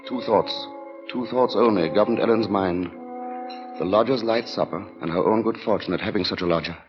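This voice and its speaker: An actor narrating a 1940s radio thriller in a measured, grave and ominous manner. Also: male voice, on the low side, close to an everyday voice. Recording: dull vintage radio recording with music.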